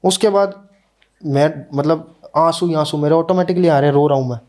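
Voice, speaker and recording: A young man on a podcast shares something from his own life, his voice mellow, warm, and pitched on the high side. He speaks casually and with earnestness, slowing whenever the story turns emotional.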